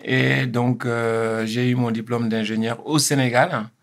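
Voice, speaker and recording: A man, speaking as an interview guest in a measured, hesitant way with many pauses and restarts. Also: medium pitch, fairly even intonation. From Senegal. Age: 50s. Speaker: interview guest, engineer and consultant. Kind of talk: casual interview.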